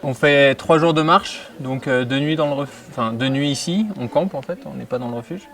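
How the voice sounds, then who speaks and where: Gravelly-voiced hiker from Paris, off-mic. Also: male voice, medium pitch, normal speed, a bit bright, recorded from a distance. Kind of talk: casual documentary interview.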